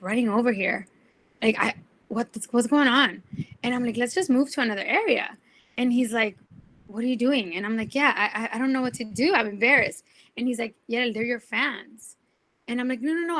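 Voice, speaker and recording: A young woman, a journalist guest, talking casually and telling animated stories with lots of quoted dialogue. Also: mid-range voice, a little hiss or hum, rough recording. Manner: chatty, animated storytelling with quoted voices. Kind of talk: casual video-call talk.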